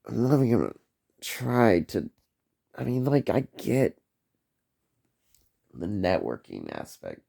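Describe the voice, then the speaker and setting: A man's voice: lowish voice, wildly swooping pitch, takes it slowly, creaky, pauses often, mellow, breathy edge. A man giving a rambling, profane solo vlog monologue, trailing off on tangents and tagging "man" onto his sentences. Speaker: vlogger.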